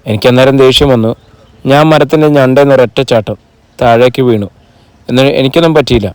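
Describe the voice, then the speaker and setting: A man's voice: medium pitch, a little fast, a little mellow, clean tone, no room sound, lightly acted. A man reading the lines of a chatty, innocent childlike girl in an audiobook, eager and self-important. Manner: eager, telling things with importance.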